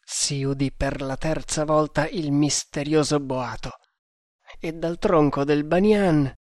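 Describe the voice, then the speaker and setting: A man reading an adventure novel aloud in a slow, dramatic narration style. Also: a little high, steady tone, darkish tone. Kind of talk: audiobook narration.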